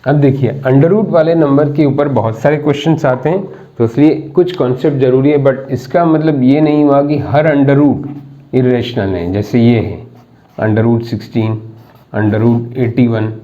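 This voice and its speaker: A man's voice: mid-range voice, normal speed. A man teaching a maths class, mixing Indian-accented English terms into his explanation and often repeating key words and asking students questions. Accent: Indian English mixed into Hindi. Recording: tinny phone-like audio.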